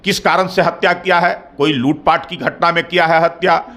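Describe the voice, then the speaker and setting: A middle-aged man, speaking as a party spokesperson in a formal interview, measured and repetitive, building into firm claims. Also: fairly high pitch, fairly even intonation, fairly bright tone. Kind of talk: formal political interview answers.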